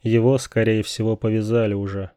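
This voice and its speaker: A man doing a stern, resolved father in an audiobook thriller. He speaks slowly and seriously, in a low, mellow, fairly flat voice with no hurry at all. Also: no echo, studio quality, close to an everyday voice. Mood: grave. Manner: serious, measured. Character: determined older man, father, calm.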